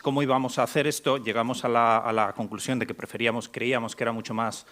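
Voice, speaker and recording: A man from Mexico, speaking fast in a medium-pitched, slightly bright voice with fairly even intonation, introduces speakers on a medical conference panel he's moderating in a conference hall. He stumbles often, full of restarts and fillers.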